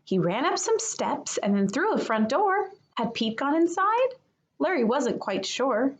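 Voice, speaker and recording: Reading a picture book aloud to young children, a kindergarten teacher uses a fairly high voice that swings widely in pitch. Her delivery is unhurried, expressive, and teacherly.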